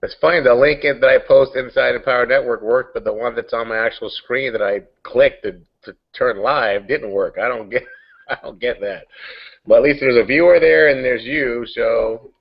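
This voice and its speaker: A man's voice: mid-range voice, normal speed, vocal fry, dull audio. A man hosting a casual online coaching hangout, rambling and searching for his words, talking through a computer mic on a video call.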